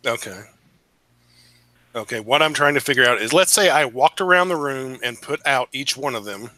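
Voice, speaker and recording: A man's voice: mid-range voice, expressive, moderate pace, sharp tone, no room sound. A man playing a tabletop game, asking question after question about the details. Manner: inquisitive, pressing for detail. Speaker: player. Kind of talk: casual tabletop play.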